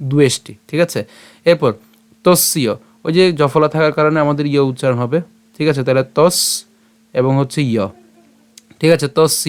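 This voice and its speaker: Clear-voiced man teaching verse pronunciation. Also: medium pitch. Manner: breaks words into syllables, slow drawn-out chanting of verse lines; checks in with listeners often. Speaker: Sanskrit recitation teacher. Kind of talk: step-by-step pronunciation lesson.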